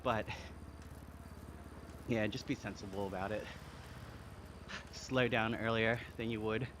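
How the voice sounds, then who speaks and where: A young Australian man talks loosely and easily on a live stream, answering his chat in a laid-back way. His voice sits at an ordinary middle pitch. Steady background noise with insects buzzing runs under him. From Sydney, Australia. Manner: relaxed and chatty, reading chat aloud. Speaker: livestreamer.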